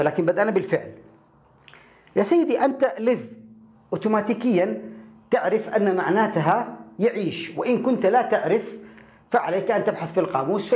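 A man teaching a lesson with an explanatory, animated delivery and frequent rhetorical questions. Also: sits high. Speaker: English teacher. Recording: echoey room.

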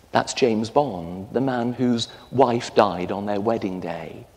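A man in his fifties with an English accent, a parish priest delivering a storytelling sermon with lively gestures in a large stone church. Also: mid-range voice. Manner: storytelling, animated gestures while preaching. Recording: long church reverb.

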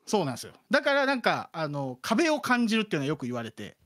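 A man's voice: high voice, huge pitch swings, fast, a bit bright. A man from the Kansai region of Japan, a guest chatting casually with many fillers and self-deprecating asides. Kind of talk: casual chat.

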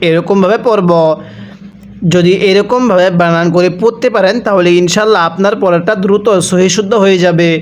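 A man teaching Quran reading, spelling out each word syllable by syllable in slow, drawn-out recitation, then explaining the rules and asking viewers to repeat after him. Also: sits high, steady tone, a little hiss or hum. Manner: addresses viewers directly, asks them to repeat after him.

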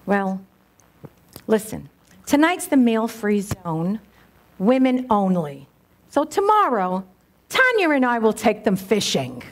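A woman's voice: medium pitch, very animated, slow, pauses often. A woman playing a teasing, wisecracking old friend. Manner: teasing, laughing. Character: teasing, loud-laughing woman, old friend of the bride's mother. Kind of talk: amateur stage acting.

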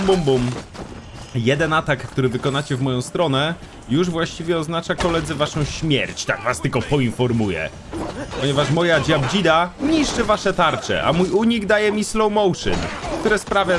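A man's voice: medium pitch, noisy background. A young man giving casual let's-play commentary, talking to enemies, joking and swearing a lot. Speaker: gameplay streamer.

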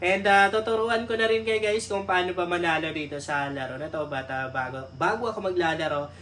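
A man's voice: a little high, fairly bright tone. A young Filipino man hosting a casual gaming vlog, his voice strained by a cough. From Philippines. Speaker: vlogger and host.

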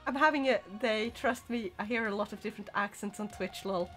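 A young Swedish woman streams a game and chats casually, reading the chat aloud and often dissolving into giggles and laughter. Her Swedish accent carries British, Scottish and Irish touches, and her medium-pitched, slightly bright voice moves fairly quickly over soft background music.

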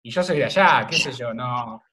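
An Argentine man, a video maker, answering interview questions in a relaxed, rambling way full of fillers. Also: medium pitch, normal speed. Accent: Argentine Spanish. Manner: rambling, thinks aloud with many fillers. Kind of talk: casual remote interview conversation.

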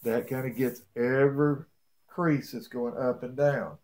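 In his home workshop, this beekeeper walks through a woodworking job as a casual how-to, folksy and plain-spoken, drifting into rambling asides. He speaks at a measured pace in a darkish mid-range voice with fairly even intonation.

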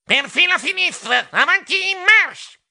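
A man voicing a short-tempered, skinny male rat captain in an audio storybook, barking bossy orders in a gravelly voice. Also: very high voice, sing-song, moderate pace, sharp tone, pitched above the performer's own voice, heavily acted. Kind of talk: storybook voice acting.

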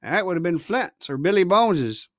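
A man with a high-sitting, animated voice reads a storybook at normal speed, voicing a sly, domineering pirate ship's cook who hectors in colloquial sailor speech. The mood is cold and menacing, and the recording is dry with clean studio sound.

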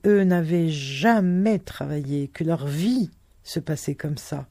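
A narrator reading a novel aloud at an unhurried, deliberate pace, in a dry and close recording with no room sound. The delivery stays calm and measured between the raised voices of the characters. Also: medium pitch, dry recording.

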